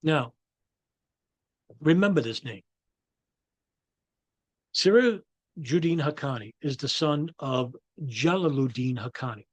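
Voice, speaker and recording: A man's voice: medium pitch, animated, slow, long pauses, dry recording. Man with a New York accent. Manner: rambling, restarts and fillers. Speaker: commentator. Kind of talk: casual monologue.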